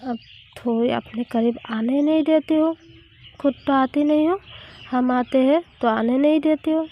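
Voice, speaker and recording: Woman doing a teasing playful college girl, high and slow, kinda muffled audio.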